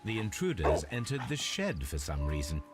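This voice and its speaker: An actor playing a calm, methodical male detective in a video game, speaking in a measured, deductive way. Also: deep voice. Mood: musing. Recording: game audio with music behind. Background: game music.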